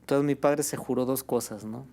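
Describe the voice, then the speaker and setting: Gravelly-voiced Mexican man telling stories. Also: mid-range voice, moderate pace. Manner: relaxed, fills with "este" and "pues", ends phrases with "¿no?". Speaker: guest, birria restaurant owner. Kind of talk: conversational storytelling in an interview.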